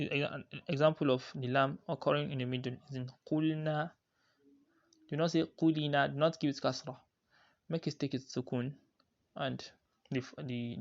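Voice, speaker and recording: A man teaching the rules of Quran recitation in a lesson, often stopping to repeat himself and restart his sentences. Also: mid-range voice. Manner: halting, repeats and restarts, drawn-out Arabic recitation terms. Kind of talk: religious lesson explaining a poem. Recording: dull lo-fi recording.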